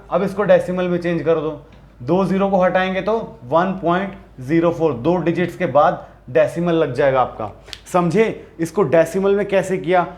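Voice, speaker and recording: A man with a high-sitting voice teaches a maths lesson step by step, questioning the class as he goes and often restarting or correcting himself.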